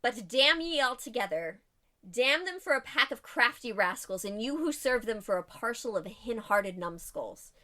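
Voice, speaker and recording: Woman doing a proud pirate captain, pompous, declaiming, lively rising and falling pitch, comic podcast bit. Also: normal speed. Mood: defiant. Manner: epic, declamatory scholarly reading. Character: defiant adult male pirate captain, grandly scornful.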